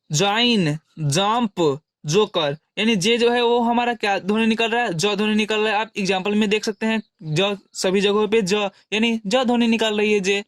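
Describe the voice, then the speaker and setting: Man, teacher, high voice, dry close sound, asks and answers himself. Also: fairly bright tone, dry recording. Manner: repeats questions and answers them himself; spells out example words slowly. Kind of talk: classroom-style explanation.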